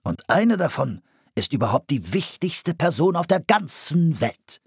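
An excitable grown man, a playwright who gushes praise and coaxes without letup, as a male narrator puts him on. His voice runs a touch higher than the reader's own, with a lively, swinging lilt and a slightly husky edge, in a dry, close storybook reading. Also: a little slow, no echo, exaggerated voice. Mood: eager. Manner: enthusiastic, coaxing. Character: excitable adult male playwright, eager and persuasive.

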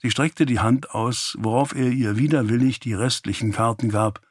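Calm male audiobook narrator, dry. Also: medium pitch, moderate pace, breathy edge, no room sound. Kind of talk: scripted narration.

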